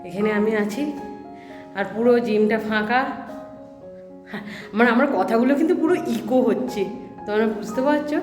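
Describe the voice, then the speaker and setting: A chatty woman vlogger talks straight to her viewers in a fairly high voice. Her words ring back with a strong echo from the empty indoor gym around her. The tone is casual and conversational. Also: a little fast, pauses often, darkish tone, soft background music. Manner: chatty, addresses viewers directly. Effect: echoing voice in an empty gym. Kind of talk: casual vlog chat.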